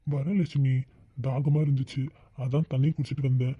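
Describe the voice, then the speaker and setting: A woman voicing a middle-aged husband in a lowered, gruff put-on voice. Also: fairly even intonation, a little fast, no echo. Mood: easygoing. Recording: dull lo-fi recording.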